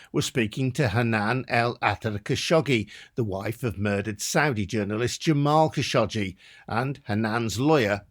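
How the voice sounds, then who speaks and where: A man hosting a news podcast, introducing the story and asking questions in a measured, journalistic way. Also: medium pitch. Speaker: podcast host. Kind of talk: interview hosting.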